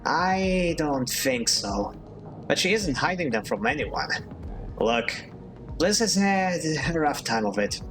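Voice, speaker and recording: A man's voice: on the high side, very animated, takes it slowly, fairly bright tone, faint music behind, pitched above the performer's own voice, full character voice. A man voicing a weary, loyal man who speaks bluntly and pleads for help, while reading a game aloud. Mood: troubled.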